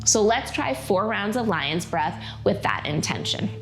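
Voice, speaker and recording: A woman's voice: mid-range voice, sing-song, measured pace, vocal fry, poor audio. Woman guiding prenatal yoga, music behind. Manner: informal, encouraging, playful. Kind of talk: casual guided yoga instruction.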